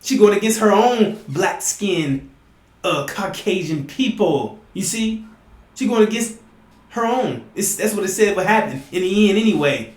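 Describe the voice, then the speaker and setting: A man preaching emphatically to his listeners, often asking "you see?" and sometimes rising to a shout. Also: sits high, lively intonation, a little slow, reverberant. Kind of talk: impassioned preaching monologue.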